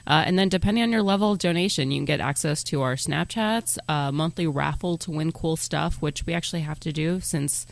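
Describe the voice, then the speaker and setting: A woman's voice: deep voice, fairly quick, gravelly, hardly any pauses. A woman co-hosting a podcast, chatting casually and running through the show plugs in a brash, joking way. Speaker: podcast co-host.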